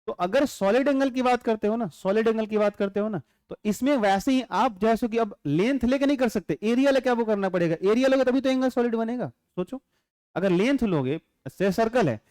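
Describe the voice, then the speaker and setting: A man teaching physics in a calm, unhurried way, chatting and joking with students and often checking whether they follow. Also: very high voice, smooth, no echo, studio quality. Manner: chatty, joking asides, constant rhetorical check-ins. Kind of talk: classroom lecture.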